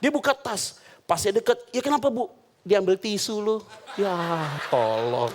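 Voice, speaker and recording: A man preaches a lighthearted sermon in a church hall. He speaks in a high voice with big, lively swings of pitch. He slips into the voices of the people in his stories. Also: unhurried, noisy background. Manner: animated, jokes and voices quoted characters. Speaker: pastor. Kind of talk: humorous sermon with storytelling.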